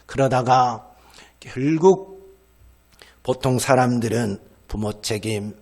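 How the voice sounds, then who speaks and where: A middle-aged male pastor delivers a sermon in a conversational, call-and-response way, firing questions at the congregation and answering them himself. He slips into animated little voices for the complaining people he describes, then drops to a soft, hushed tone to drive a point home. His voice sits at an ordinary man's pitch. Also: slow. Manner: acts out quoted complaints in lively voices; drops to a hushed voice at the ends of phrases.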